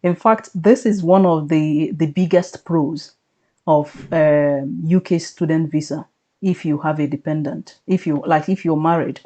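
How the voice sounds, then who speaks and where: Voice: mid-range voice, measured pace, dark tone. An adult speaker giving casual, reassuring advice, explaining things step by step in a conversational way. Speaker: vlogger advising on living and studying in the UK.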